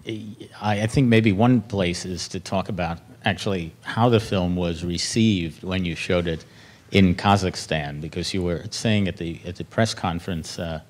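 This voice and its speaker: A man's voice: sits low, measured pace. A man moderating a festival Q&A, asking long, winding questions full of restarts. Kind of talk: onstage Q&A moderating. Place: film festival stage before an audience.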